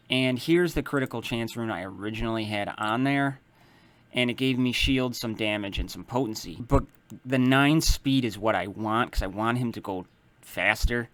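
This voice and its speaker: A man casually walking through a mobile game character build, explaining his choices in a relaxed way and often starting lines with "so". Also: medium pitch, no echo. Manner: self-correcting, loose phrasing. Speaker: mobile game guide maker. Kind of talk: casual game strategy walkthrough.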